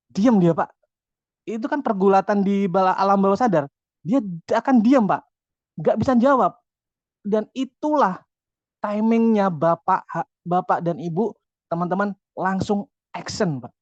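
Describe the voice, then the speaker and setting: Energetic man giving a motivational talk. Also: high voice, dry recording. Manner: energetic, repetitive, keeps addressing the audience. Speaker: motivational speaker. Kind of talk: motivational talk to an online audience. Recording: dull, dry lo-fi audio.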